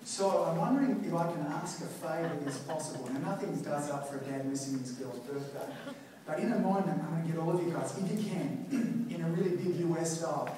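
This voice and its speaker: A man's voice: fairly high pitch, brisk, warm tone, slight background noise. An Australian man in his forties giving a humble, self-deprecating conference talk. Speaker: chiropractor speaker. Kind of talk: conference speech. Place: large conference hall. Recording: echoey hall from a distance.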